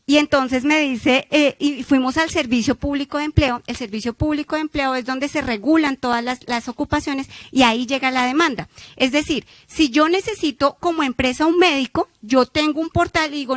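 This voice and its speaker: High-voiced woman giving a talk. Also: no room sound. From Colombia. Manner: animated storyteller, acts out dialogues. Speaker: conference speaker. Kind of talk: conference talk with anecdotes.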